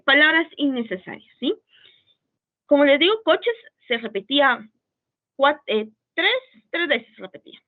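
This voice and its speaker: A woman teaching an online writing class, patient and checking often that students follow. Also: sits high. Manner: patient, checks understanding with frequent "¿sí?". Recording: tinny phone-like call audio.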